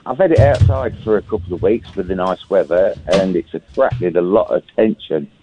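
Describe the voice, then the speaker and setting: A man's voice: deep voice, moderate pace, faint music behind. A man on a phone line, chatting in a jokey, storytelling way on a phone-in show. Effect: heard over a phone line. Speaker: caller. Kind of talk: casual phone-in chat. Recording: dry, tinny phone line.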